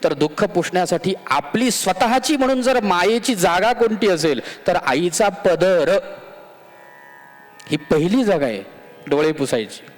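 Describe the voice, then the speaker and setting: High-voiced man preaching in an echoing hall. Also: expressive, unhurried. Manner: dramatic, addresses the listeners directly. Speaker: religious discourse speaker. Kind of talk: devotional storytelling sermon. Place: temple hall. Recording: long hall echo with soft music behind.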